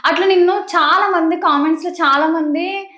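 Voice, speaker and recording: A woman's voice: extremely high pitch, fairly even intonation, normal speed, a bit bright. A woman interviewer who asks short questions and prompts the guest with brief replies. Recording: echoey room.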